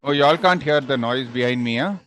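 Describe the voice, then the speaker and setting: This online teacher, who has a South Indian accent, talks briskly in a mid-range, fairly bright voice, keeping things informal with examples and habitual questioning tags at phrase ends. He uses a headset microphone, and a little hiss or hum can be heard.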